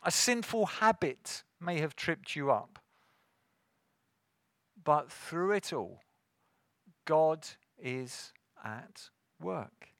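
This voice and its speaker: An earnest man preaching from the pulpit, his voice pitched high for a man and his delivery slow and measured. He builds to forceful emphasis on key phrases, and the sound is close and dry with little room around it. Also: sing-song, no echo. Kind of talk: sermon.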